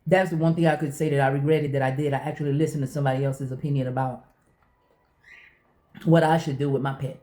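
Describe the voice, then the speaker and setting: Her voice very deep and mellow, a vlogger chats casually through personal stories. She's emphatic, reusing phrases to underline her point, recorded in an echoey room.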